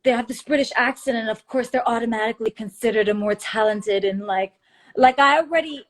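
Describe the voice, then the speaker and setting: Woman, chat guest, fairly high voice, halting speech full of restarts, video call. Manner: halting, with many restarts and fillers. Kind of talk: casual conversation.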